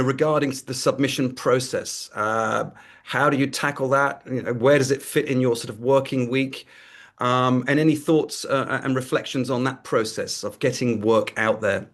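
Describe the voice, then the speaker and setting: A man's voice: medium pitch, fairly even intonation, moderate pace, a bit bright. A man interviewing in a conversational way, affirming and tentative, circling around his questions.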